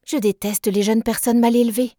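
A woman's voice: fairly high pitch, fairly even intonation, fairly quick, mellow, no echo, clean studio sound, lightly acted. A woman voicing a prim, affected young girl in a storybook reading, reproaching in a raised voice.

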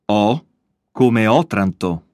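A man's voice: on the low side, expressive, extremely slow, a little mellow, no echo, clean studio sound. A man reading a scripted language lesson, spelling out each letter with an example word. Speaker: language course reader.

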